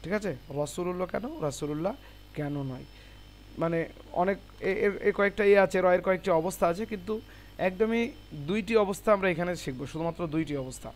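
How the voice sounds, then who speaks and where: Man teaching Quran recitation, slow and drawn out. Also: high-pitched, slight background noise. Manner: spells out letters and vowel marks, then recites each word slowly and loudly; asks questions to the class. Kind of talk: classroom lesson. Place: classroom with a board.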